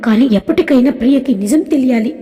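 A woman telling a family story in scripted narration, steady and emotive. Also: sits high, fast. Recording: long reverb.

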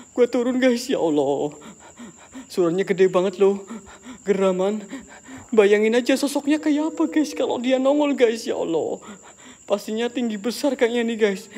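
A man's voice: very high-pitched, expressive, normal speed, long pauses, a little mellow. A young man hosting a live ghost-hunting stream at night inside a house, nervously murmuring prayers and talking to his viewers.

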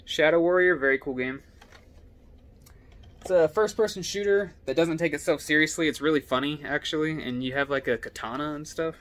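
A young man casually running through his video game collection, giving quick offhand comments on each title. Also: on the high side, fairly bright tone. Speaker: gaming YouTuber.

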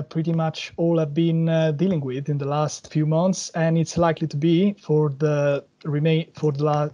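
A man from Italy with an Italian accent, giving a measured, explanatory webinar presentation over a video call. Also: fairly high pitch, mellow. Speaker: policy advisor speaker.

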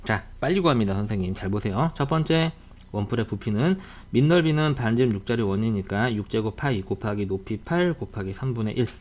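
Brisk male math teacher lecturing. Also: fairly low pitch, expressive, a little mellow, muffled recording. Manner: brisk, repeats reminders, friendly lecturing with asides. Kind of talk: online video math lecture.

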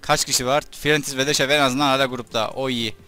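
A young man giving casual commentary over his gameplay, chatting to his troops and breaking into loud excited shouts during fights. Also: medium pitch, fast talker, smooth. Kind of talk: let's play commentary.

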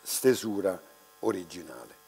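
An older man, an art restorer, giving an unscripted lecture at a lectern, reflective and unhurried, pausing often and restarting his words. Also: low-pitched, animated, darkish tone, husky. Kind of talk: slow, unscripted lecture to an audience. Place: large dark lecture hall, standing at a lectern. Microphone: lectern microphone. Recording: reverberant lecture hall with mains hum.

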